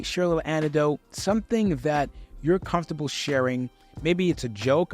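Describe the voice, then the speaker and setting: A man giving instructional tips straight to the listener in a clear, projected presenter's delivery, conversational yet emphatic and encouraging. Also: medium pitch. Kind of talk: conversational instructional talk to camera.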